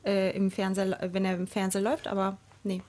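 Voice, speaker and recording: A woman's voice: mid-range voice, monotone, fast talker, a little mellow. A woman co-hosting a casual film chat, hesitant and often searching for words. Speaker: podcast co-host.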